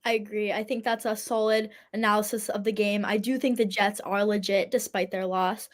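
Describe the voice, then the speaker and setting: A teenage girl hosting a school sports talk show, quipping and punning, her voice squeaky and strained. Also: flat delivery, a little fast. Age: teens. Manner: playful, punning sports quips. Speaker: host.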